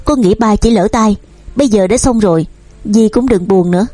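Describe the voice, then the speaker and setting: A calm, warm eldest son who speaks softly, voiced by a woman. The voice is mellow and husky, with faint music under it. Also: medium pitch, normal speed, dry recording, close to an everyday voice. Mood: gentle. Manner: soft-spoken, gentle, calm.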